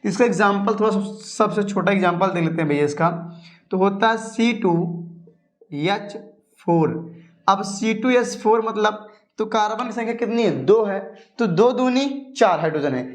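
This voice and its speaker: A high-voiced male chemistry teacher runs a casual coaching class. He is chatty and coaxing, and keeps firing questions at his students before answering them himself. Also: moderate pace. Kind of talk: casual coaching lesson at a board.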